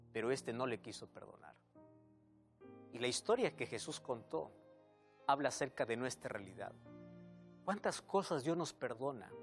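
An earnest male preacher giving a devotional sermon, telling stories and speaking directly to the listener. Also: medium pitch.

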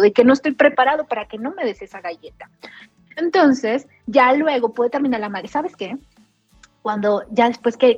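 A woman's voice: on the high side, slightly rough, dry recording, lo-fi sound. A woman psychologist explaining parenting on a radio show, acting out what a parent might say. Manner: explanatory, acts out parent's lines. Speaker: psychologist guest. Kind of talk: radio interview advice.

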